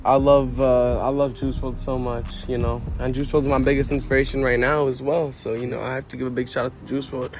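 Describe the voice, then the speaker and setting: Talking a little fast with hardly any pauses, a young Quebecois musician keeps a level tone in his mid-range voice while music plays behind him. French is his first language, and his interview answers are slangy and rambling, full of fillers and false starts.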